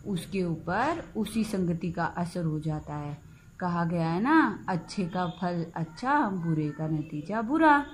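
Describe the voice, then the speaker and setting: Woman schoolteacher with a Haryanvi Hindi accent, unhurried storytelling for small kids, faint hiss behind. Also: medium pitch, low-quality recording. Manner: slow, gentle, clearly spaced phrases for children. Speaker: primary school teacher. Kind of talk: storytelling lesson for young children.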